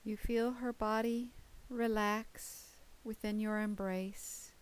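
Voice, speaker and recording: A woman with a mid-range voice narrates a guided visualization. She speaks very slowly and deliberately, leaving space between short phrases. Her delivery is gentle and soothing, as a meditation leader. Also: mid-range voice, fairly even intonation, clean tone.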